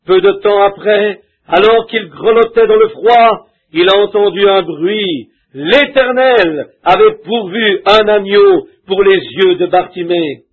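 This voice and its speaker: A man's voice: high-pitched, takes it slowly. A man delivering a sermon in a fervent, pleading preaching manner. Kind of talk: French dubbed reading of a sermon. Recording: tinny, narrow lo-fi tape sound.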